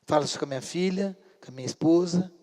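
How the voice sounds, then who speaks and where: A middle-aged man tells stories from his practice to a church couples retreat, acting out the dialogue as he goes. His voice sits high for a man. A long reverb trails every phrase, as if he is speaking in a large hall. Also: fast. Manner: lively anecdotal storytelling, acting out dialogue. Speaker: psychologist giving a talk.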